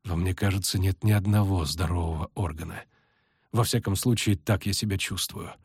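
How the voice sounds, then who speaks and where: A male reader voicing an exhausted, sardonic sorceress who speaks low, strained and muttering. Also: moderate pace, a little mellow, slightly rough, dry recording, clean studio sound, heavily acted. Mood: weary. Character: battered weary sardonic sorceress woman.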